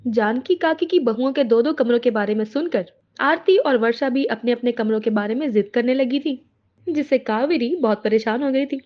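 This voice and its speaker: A woman's voice: a little high, normal speed, highs cut off. A woman narrating a family story in a plain, scripted storytelling manner.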